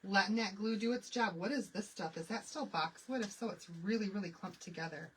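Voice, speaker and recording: This craft streamer talks briskly in a mid-range, fairly bright voice, captured in low-quality audio with a little hiss or hum. With her Michigan accent, she keeps up a chatty, laugh-filled tutorial, answering chat questions as she crafts.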